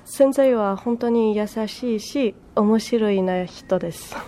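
This French woman, a native French speaker, is a guest and language learner giving interview answers in simple learner phrasing. Her mid-range voice is dark in tone and slow-paced.

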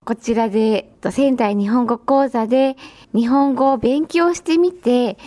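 A woman's voice: on the high side, slow pace, warm tone. A woman hosting a radio interview show, formal, courteous and encouraging as she asks her guest questions. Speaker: radio host.

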